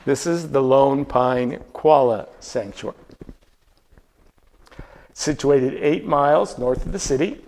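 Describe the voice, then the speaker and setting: A man's voice: mid-range voice, slow, creaky, pauses often, darkish tone. A man presenting a slideshow travel talk to a live audience, conversational, asking the room questions and often restarting his sentences.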